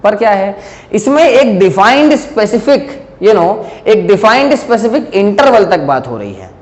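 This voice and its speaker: High-voiced male teacher in an echoing classroom. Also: sing-song, measured pace. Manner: explains step by step, mixes Hindi and English, keeps checking "clear hai?". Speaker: physics teacher. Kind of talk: classroom lecture at a board.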